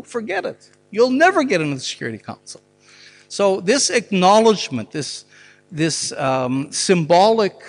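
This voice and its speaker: A man giving a public talk and answering questions. He argues earnestly and often repeats words as he works out a thought. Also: sits high. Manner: earnest, argumentative, repeats words while thinking. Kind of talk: public lecture with Q&A. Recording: long reverb of a large hall.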